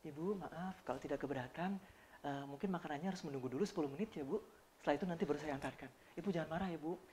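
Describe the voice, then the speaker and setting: Man putting on a hushed, ever-polite male flight attendant. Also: a little high, racing, a little hiss or hum, voice pushed down, close to an everyday voice. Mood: apologetic. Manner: hushed, courteous, deferential.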